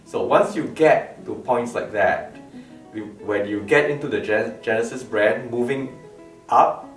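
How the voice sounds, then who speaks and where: A loudspeaker designer with a medium-pitched voice speaks at a measured pace, presenting his product line informally. He makes his points emphatically through repetition and rhetorical questions. The recording comes from a medium-sized indoor room resembling a living room, picked up by a distant mic with plucked lute music in the background.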